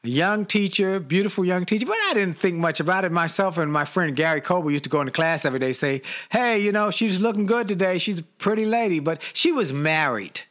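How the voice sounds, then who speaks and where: An older man telling a story in casual chat, animated and laughing, acting out the voices in his quotes. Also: sits high, a little fast, hardly any pauses.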